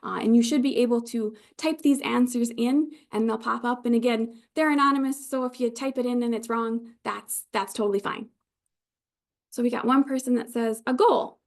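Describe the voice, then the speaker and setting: Creaky, higher-voiced woman with a Yooper accent. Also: steady tone, normal speed. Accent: Upper Michigan (Yooper). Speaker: trainer leading an online webinar. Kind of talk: informal instructional presentation. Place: live online video session.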